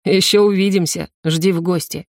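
A woman's voice: on the low side, fairly even intonation, moderate pace, darkish tone, no room sound, clean studio sound, natural voice. A woman reading the lines of a big, older bearded man who is crude and menacing. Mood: angry.

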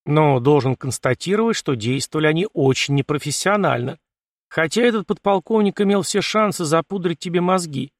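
A man's voice: fairly high pitch, animated, brisk, no room sound, voice pushed up. A man voicing a wry, sarcastic male ship artificial intelligence in an audiobook, with a dry, mocking, matter-of-fact delivery.

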